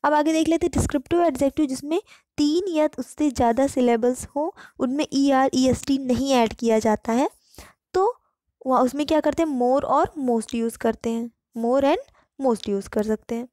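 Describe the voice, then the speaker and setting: A woman teaching English grammar in Hindi. She reads the English example sentences slowly and clearly. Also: high-pitched, dark tone, no room sound. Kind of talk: online grammar lesson.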